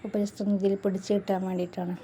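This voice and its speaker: A middle-aged woman chats through a home cooking voice-over, often dropping in friendly tag words. Her voice is mellow and stays fairly level in pitch, with a faint hiss of noise underneath. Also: flat delivery, rapid-fire. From Malappuram, Kerala. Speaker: cooking channel host.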